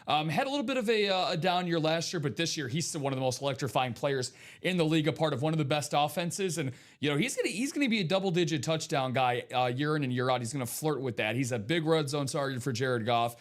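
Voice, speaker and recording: A young man in his twenties co-hosts a live card-break stream, rambling through football talk with plenty of uh's and you-knows. His voice sits a touch higher than most men's. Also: expressive, fast talker, few pauses. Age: 20s. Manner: chatty sports talk, many fillers. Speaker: co-host of a live sports card break show. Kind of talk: live stream sports chat.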